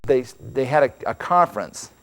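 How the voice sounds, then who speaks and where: A man speaks in an earnest, emphatic way, delivering a religious lecture to a congregation. His pitch sits at a middle level, and he often repeats words as he goes. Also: expressive, normal speed. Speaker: church speaker.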